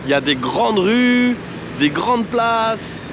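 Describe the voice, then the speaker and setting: Very animated yet slow-paced, a man from France talks casually in a travel vlog, his high-pitched voice thick and congested from tonsillitis. Background noise can be heard.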